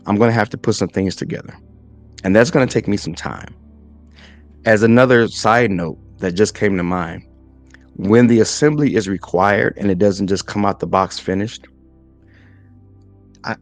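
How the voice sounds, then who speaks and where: A lowish male voice, recorded with no echo, belongs to a podcast host and minister in his forties. He offers a motivational faith talk, often asking "right?" as he lays out lists in threes.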